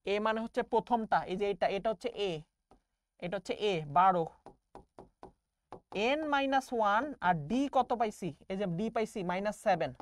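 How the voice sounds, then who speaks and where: A woman's voice: mid-range voice, normal speed, long pauses. A young woman math teacher. She explains step by step and calls her students "baba" in an online class lecture.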